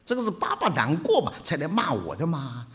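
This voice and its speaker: An older male preacher gives a sermon. His pitch leaps and falls widely, and he moves from loud to hushed as he tells stories. The delivery is very lively. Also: a little fast. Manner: animated storytelling with sharp swings between loud and hushed.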